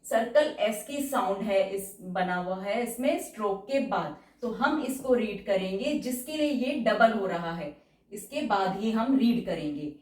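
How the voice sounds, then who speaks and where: A woman teaching shorthand in a patient, step-by-step way, repeating each example word slowly. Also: mid-range voice, lively intonation, a little mellow, recorded from a distance. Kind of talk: step-by-step tutorial explanation. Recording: roomy echo, voice from off-mic.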